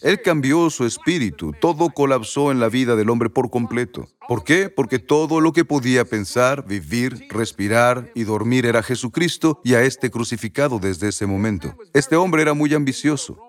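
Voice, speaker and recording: A male preacher delivers a sermon in a mid-range voice, working through a scripture passage. He reads deliberately, leaning on repeated words to drive each point home. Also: medium pitch. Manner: slow, emphatic reading with repeated words for stress.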